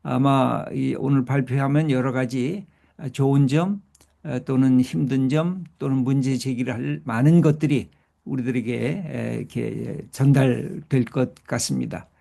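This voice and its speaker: A man moderating an online book talk on a video call, speaking with many drawn-out fillers and pauses. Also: medium pitch, steady tone, creaky, mellow.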